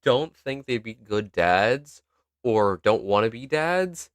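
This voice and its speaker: Animated young man in casual chat. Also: mid-range voice, slow, smooth, no room sound, studio quality. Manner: animated, laughs loudly, swears. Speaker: podcast co-host.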